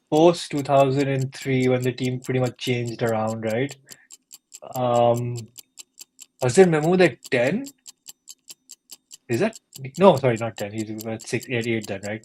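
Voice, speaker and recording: A man chatting casually while he works through a quiz question. He thinks aloud and restarts his sentences often. His pitch sits in the ordinary middle range. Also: unhurried, pauses often, darkish tone, slight background noise. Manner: thinks aloud, hesitant restarts, frequent laughs. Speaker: quiz contestant and co-host. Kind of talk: casual chat.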